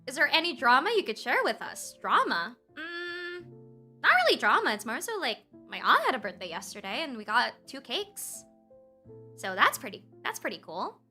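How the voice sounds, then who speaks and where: Giggly bright high-voiced woman streamer. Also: big pitch swings, normal speed, soft background music. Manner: giggly, laughs often, rambling restarts. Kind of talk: casual livestream chat with viewers. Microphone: close desk mic.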